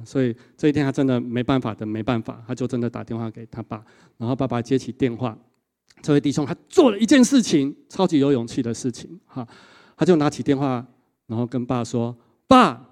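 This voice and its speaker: A male pastor, preaching a sermon and telling stories in an animated way, often tagging sentences with a short "ha". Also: fairly high pitch. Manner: animated storytelling with a frequent 哈 tag.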